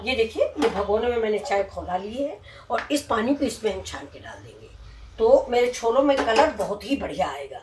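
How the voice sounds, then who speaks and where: This woman's voice is a little high and animated, moving at a moderate pace while she hosts a cooking demonstration and talks viewers through each step. She's recording in a tiled home kitchen full of echo and noise.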